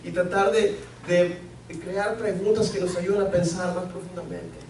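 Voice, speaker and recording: In a church sanctuary, a pastor from Mexico preaches earnestly, repeating key phrases for emphasis. His voice is high-pitched and a little mellow, with fairly even intonation and a moderate pace, recorded from a distance in an echoey room with slight background noise.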